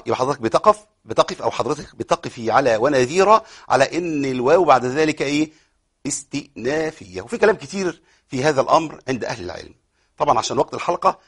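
Fast-talking Egyptian man teaching Quran recitation. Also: medium pitch, slightly rough. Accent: Egyptian Arabic. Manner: explanatory, asks and answers his own questions, recites verses slowly; many fillers and repeated words. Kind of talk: tajweed lesson on a broadcast program.

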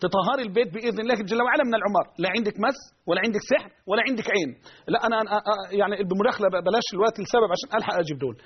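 A man's voice: high-pitched, very fast, a little hiss or hum. A man with an Egyptian accent giving religious advice to callers, emphatic and repeating his key phrases, heard on a lo-fi radio broadcast. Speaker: religious preacher answering callers.

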